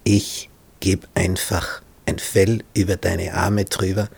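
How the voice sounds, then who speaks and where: A man's voice: deep voice, flat delivery, slow, vocal fry, breathy edge, heavily acted. Rebekka, a man doing a whispering scheming mother. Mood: conspiratorial.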